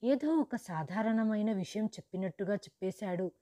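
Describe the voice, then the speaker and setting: A woman narrating a storybook in the first person as a grieving, widowed mother who lost her wealth, in a steady, measured reading. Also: mid-range voice, no room sound, natural voice. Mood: sorrowful.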